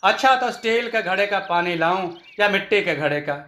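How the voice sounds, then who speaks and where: A foolish young bride who takes every word literally, as a man puts her on. She talks naively in a high, bright voice. The recording has an echoey room sound. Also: animated, normal speed. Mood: innocent. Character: foolish literal-minded young daughter-in-law woman.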